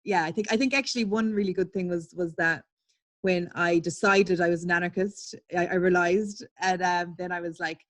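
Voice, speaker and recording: A woman's voice: lowish voice, fairly even intonation, normal speed. A woman, an artist and publisher, giving a candid online talk over a video call, swearing and laughing as she tells stories. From Ireland.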